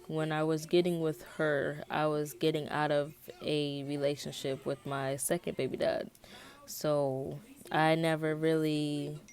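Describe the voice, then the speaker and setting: A woman's voice: low voice, a little mellow. A young American woman talking casually and candidly to her viewers, telling a personal story in a rambling, colloquial way. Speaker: vlogger. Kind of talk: casual personal chat to camera.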